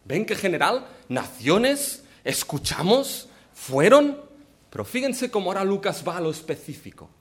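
Guy preaching a sermon, bit high voice, pitch jumps around a lot, throws in jokes and questions. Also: unhurried. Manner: animated preaching with asides and rhetorical questions. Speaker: pastor.

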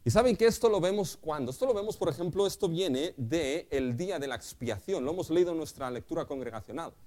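A middle-aged man from preaching a sermon as pastor, with impassioned delivery that trails off softly at the ends of phrases. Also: a little high, animated, a little fast.

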